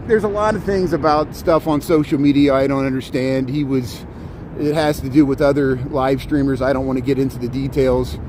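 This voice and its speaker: A man chatting casually on a livestream outdoors, rambling and halting, often repeating his words. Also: medium pitch. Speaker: live streamer. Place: outdoors on a city riverwalk. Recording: outdoor livestream with clear city noise.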